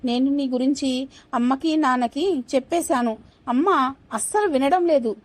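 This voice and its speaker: A woman's voice: high voice, moderate pace, darkish tone. A woman voicing a headstrong young woman, the daughter of a wealthy family, talking earnestly and pleading in a storybook drama.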